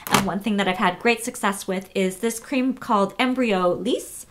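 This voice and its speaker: A woman in her thirties from the United States, chatting casually through a beauty tutorial with lots of fillers and quick self-corrections. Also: medium pitch, noisy background. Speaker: beauty vlogger.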